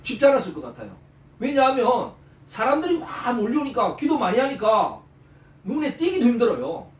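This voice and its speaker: A male pastor preaches with animation, prodding the listeners with questions. His voice sits very high and swings widely. The sound is roomy and distant from the mic. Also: fairly quick. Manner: animated, peppers talk with rhetorical questions and "eh?" prompts. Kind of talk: sermon.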